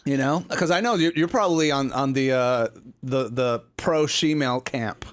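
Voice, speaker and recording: A man's voice: medium pitch, moderate pace. A man hosting a podcast in casual chat, blunt and teasing, who swears freely. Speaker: podcast host.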